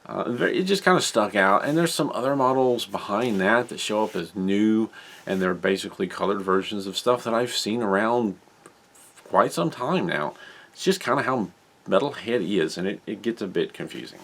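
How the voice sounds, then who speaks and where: Low-voiced man rambling hobby news. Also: animated, normal speed, a bit bright. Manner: rambling, self-correcting, reads out model specs. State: has the hiccups. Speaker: hobby channel host. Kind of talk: casual solo news commentary.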